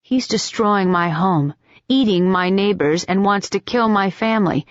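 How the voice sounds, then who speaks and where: A woman's voice: medium pitch, a little slow, no echo, close to an everyday voice. A woman voicing a spirited, stubborn young woman who talks in a wry, teasing and determined way. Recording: dull, dry audiobook recording.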